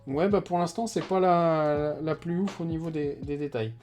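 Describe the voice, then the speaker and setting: A man's voice: on the high side, moderate pace, a little mellow, soft background music. A man giving casual, chatty commentary as he opens card packs, often hesitating and trailing off. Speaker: card collector opening packs.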